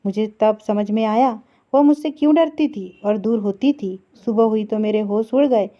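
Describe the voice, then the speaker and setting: Woman reading a sad story, steady tone, kinda high voice, muffled audio. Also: moderate pace. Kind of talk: scripted story narration. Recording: dull lo-fi recording.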